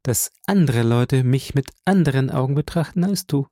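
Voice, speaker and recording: Eager young sweetheart, lifted lighter voice, dark tone, dry close sound, read by a man. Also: medium pitch, expressive, moderate pace, dry recording, voice pushed up, lightly acted. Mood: teasing.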